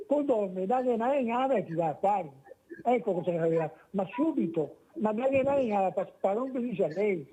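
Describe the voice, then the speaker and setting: A man with a Venetian accent calling in on speakerphone over a bad phone line, talking in a rambling, indignant, halting way. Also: high voice, warm tone, husky. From Venice, Italy. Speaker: caller. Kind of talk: call-in radio comment.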